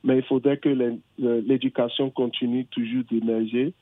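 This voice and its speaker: A man's voice: mid-range voice, flat delivery, normal speed, no echo. Man calling in over a tinny phone line. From England. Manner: hesitant, searching for words, with many restarts. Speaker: caller. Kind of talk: phone-in conversation. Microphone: telephone.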